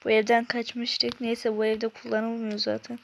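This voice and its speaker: A woman's voice: fairly high pitch, completely flat delivery, a little slow, vocal fry, noisy background. A young woman casually commenting on her own gameplay, chatty with frequent exasperated outbursts. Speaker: gaming YouTuber.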